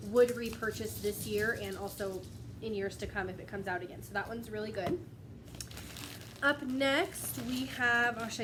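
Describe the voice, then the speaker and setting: At home indoors, a young woman who makes wax melt vlogs chats to her tablet camera in a voice a touch higher than most, a little stuffy from a cold. Friendly and rambling, she laughs often, and clear background noise runs through the recording.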